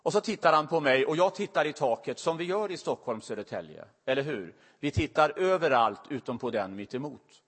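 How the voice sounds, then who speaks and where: A man's voice: fairly high pitch, sing-song, fairly bright tone, husky. A middle-aged man preaching a sermon, telling a personal story in a confessional way that grows emotional. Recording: long reverb of a large hall.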